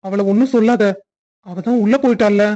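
A woman voicing a tender middle-aged father in a cartoon family story, speaking softly and soothingly. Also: mid-range voice, brisk, muffled recording, lightly acted. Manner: soft, soothing.

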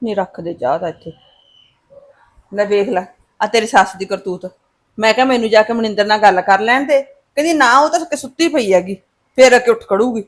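A woman's voice: mid-range voice, a little fast, lightly acted. A woman playing a blunt, scolding mother-in-law in a Punjabi drama. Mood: grumbling.

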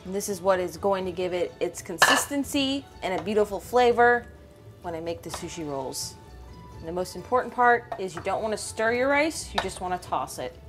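Young woman, cheerful vlog host, step-by-step instructions, mid-pitched voice, light music underneath. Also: lively intonation, normal speed. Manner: upbeat, enthusiastic, explains step by step. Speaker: fishing and cooking channel host.

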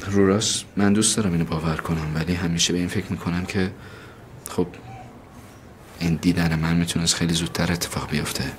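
An actor plays a grown man torn about meeting his long-lost mother. He speaks slowly and doubtfully, pausing often. His voice is very deep. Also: steady tone, a little hiss or hum, lightly acted. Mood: hesitant. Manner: hesitant, doubtful. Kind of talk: TV drama dialogue.

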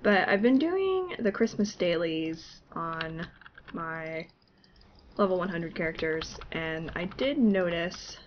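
Slow-paced and expressive, this woman's fairly low voice is congested by a cold, and the audio has its highs cut off plus a little hiss or hum. A gaming YouTuber on a desktop mic with no webcam, she chats casually during play, laughing and poking fun at herself.

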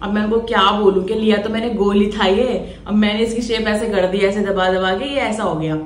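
A woman in her thirties chatting casually in a home vlog, talking to viewers and scolding her pets in a high, loud voice. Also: fairly even intonation, a little fast, reverberant, a little hiss or hum. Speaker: vlogger.

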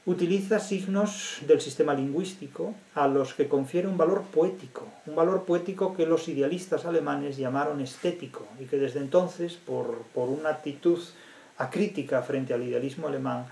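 Male professor, lecture delivery, emphatic and deliberate; slightly raised pitch, reverberant room. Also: vocal fry, a little mellow. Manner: emphatic, repetitive, deliberate with pauses. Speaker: literature professor. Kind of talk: lecture on literary theory.

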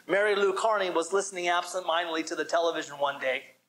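A man's voice: a little high, fast, fairly bright tone, rough recording. A man preaching a sermon as pastor, emphatic and calling for responses from the congregation.

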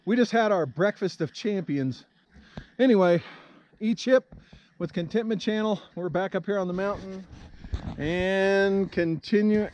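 A fairly high-voiced man talks casually to his camera while working outdoors in a forest clearing. His delivery is plain-spoken and joking, like an easygoing vlog host. The audio is dry and a bit dull, as if captured by a small handheld camera. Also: darkish tone, no room sound.

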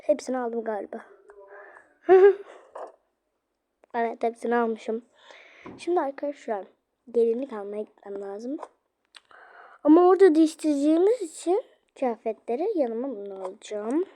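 A woman's voice: fairly high pitch, expressive, normal speed, long pauses, dark tone. A young woman narrating casually as she plays, chatting straight to her viewers. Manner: chatty, addressing viewers directly. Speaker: vlogger. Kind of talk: casual game play narration.

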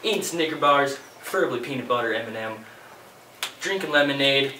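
A man's voice: mid-range voice, expressive, brisk, bright, forceful tone, slight background noise. A young man acts out a hard sell infomercial salesman with a slightly stilted, homemade delivery. The sound is echoey and a bit distant, as from a camera in a small bare room. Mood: salesy. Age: teens to young adult. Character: older salesman pitching a gadget to a boy. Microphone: camera a few feet away.

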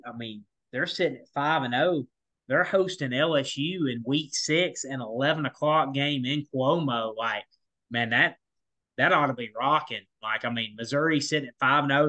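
His mid-range voice sounds pushed and bright. He co-hosts a college football podcast, keeping the sports talk casual and rambling, with many fillers and restarts.

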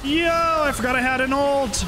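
A streamer chatting casually with friends while playing, excitable, swearing and singing snatches to themself. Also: high-pitched, moderate pace, music in the background. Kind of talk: casual gaming chat with friends.

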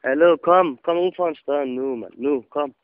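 Aggressive man on a muffled call, raised pitch, threatening. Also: clear, resonant tone, dry recording. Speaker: prank call victim. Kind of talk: angry phone call. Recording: dull dry phone audio.

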